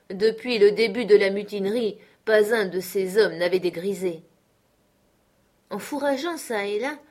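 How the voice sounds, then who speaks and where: A woman narrating a novel in a calm, measured reading voice. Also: mid-range voice. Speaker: audiobook narrator. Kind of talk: scripted narration.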